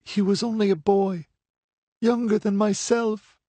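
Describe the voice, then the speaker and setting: A male narrator voices a grieving young noblewoman on the verge of tears, her plea high and strained, rising well above his natural register. Slightly louder than the narration and a little husky, it's recorded dry and close at normal speed with no room sound.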